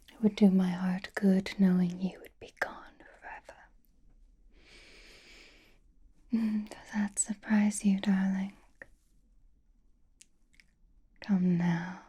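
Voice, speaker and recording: In an ASMR roleplay, a woman with a mid-range voice plays a seductive, possessive female vampire, teasing and doting on the listener in a soft, breathy whisper. Her delivery is slow and deliberate, with a mood that is both teasing and wistful.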